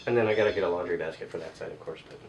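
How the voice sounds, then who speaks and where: A man's voice: low voice, rapid-fire, gravelly, highs cut off. A man chatting casually while installing drawers, captured on old camcorder audio. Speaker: home woodworker filming himself. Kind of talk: casual chat while working. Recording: noisy old camcorder audio, distant mic.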